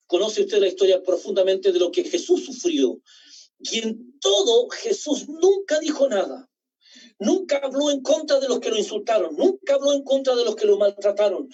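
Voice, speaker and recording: Woman preacher, lively pitch, husky. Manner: reads and quotes Scripture with dramatic slowed emphasis. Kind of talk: sermon. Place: church hall. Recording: distant, dull lo-fi church recording.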